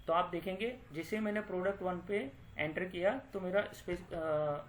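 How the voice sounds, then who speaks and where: A man with a fairly high voice walks through a software tutorial, thinking aloud as he clicks. He often pauses with fillers and corrects himself mid-sentence. A faint hiss runs under the recording. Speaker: data analytics tutor.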